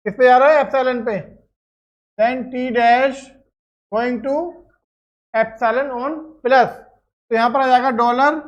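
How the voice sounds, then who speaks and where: Woman teacher, slow careful lecture, high voice, muffled lo-fi sound. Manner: explains step by step, checks with "clear?". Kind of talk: classroom lecture.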